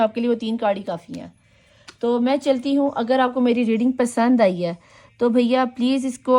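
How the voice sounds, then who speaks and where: Female tarot reader, Pakistani accent, friendly coaxing chatter, mellow tone. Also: fairly high pitch. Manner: chatty and coaxing, mixes English phrases into Urdu. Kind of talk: casual tarot reading to viewers.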